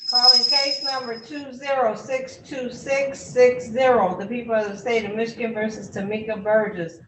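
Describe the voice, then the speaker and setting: A woman court clerk calling cases and reading charges in a brisk, formal way, heard on a courtroom recording. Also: fairly high pitch, fairly even intonation. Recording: echoey distant courtroom recording, faint noise.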